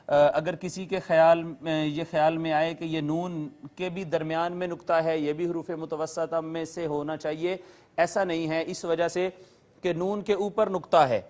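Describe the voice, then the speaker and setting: High-voiced man teaching a lesson. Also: level tone, a little mellow. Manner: patient, methodical, repeats key terms with definitions; addresses viewers politely. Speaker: Quran teacher. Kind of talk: lecture explaining Arabic letters and recitation rules.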